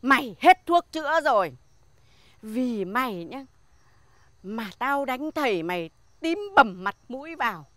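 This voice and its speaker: A woman's voice: fairly high pitch, animated, unhurried, a bit bright, no echo. A woman playing a stern scolding old lady. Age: older. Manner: scolding, harsh. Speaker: mistress of the house.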